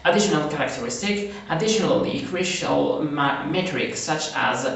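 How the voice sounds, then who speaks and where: A Moroccan conference presenter whose first language is Arabic reads a prepared research presentation, halting often with "uh" fillers and self-corrections. His voice is fairly high, expressive, creaky and fairly bright. The recording is very echoey, with a distant mic.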